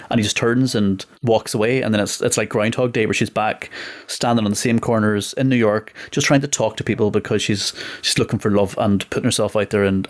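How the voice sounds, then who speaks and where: Male podcast co-host and radio presenter, lowish voice, enthusiastic and rambling. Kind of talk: casual chat.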